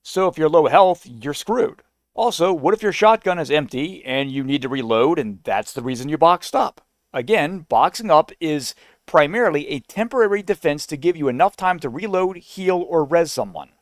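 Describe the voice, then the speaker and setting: Indignant man with a lively high voice. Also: moderate pace, dry recording, studio quality. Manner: indignant, argumentative, mocks in a sing-song voice. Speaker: commentator reacting to a video. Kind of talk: reaction commentary.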